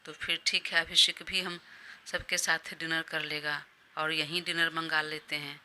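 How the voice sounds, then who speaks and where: A woman narrating puts on an indulgent male boss in an audio story. He speaks low and flat with a sharp, bright tone, a faint hiss behind. He is generous with praise and firm about his time. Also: unhurried, exaggerated voice. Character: smooth-talking male boss, indulgent, busy.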